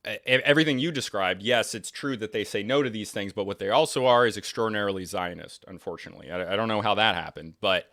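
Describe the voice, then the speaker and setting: A young man from New England talks in loose podcast conversation with a bright, forceful tone. His pitch sits a little low for a man. He rambles, restarts his sentences and fills pauses with ums, sounding opinionated throughout. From New England, United States. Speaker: podcast guest. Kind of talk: casual conversational discussion.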